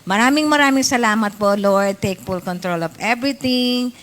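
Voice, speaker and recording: A woman's voice: a little high, moderate pace, a bit bright. A middle-aged woman leading a spoken prayer, earnest and devout. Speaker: prayer leader.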